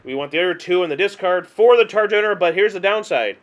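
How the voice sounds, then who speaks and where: Male card game host, high voice, casual exasperated play-by-play with self-deprecating laughs. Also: fast talker. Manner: chatty, exasperated, self-mocking; hums and sighs, laughs at himself. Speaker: gaming video host.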